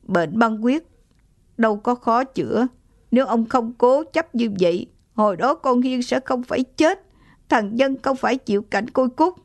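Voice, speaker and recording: A woman's voice: fairly high pitch, normal speed, no room sound, pitched above the performer's own voice, lightly acted. A tearful old grandmother in an audiobook story, her raised voice pleading and catching with sobs, voiced by a woman narrator. She sounds worn and heartbroken, reproaching the one she loves. The reading is close and dry. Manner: pleading, choked with tears.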